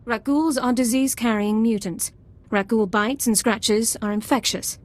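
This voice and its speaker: Speaking at a moderate pace with fairly even intonation and a high-leaning pitch, an actress sounds close to everyday speech as a strict female sergeant giving precise military reports in clipped, formal style. It's video game cutscene acting with an Imperial-sounding accent over a music bed.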